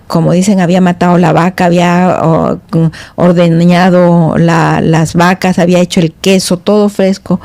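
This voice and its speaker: A middle-aged woman speaks as a guest in a podcast studio, telling her stories in a halting, wandering way full of restarts. Her voice sits low and sounds dark and mellow. The sound is close and dry. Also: no room sound. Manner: meandering, halting storyteller with many restarts. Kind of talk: casual storytelling in conversation.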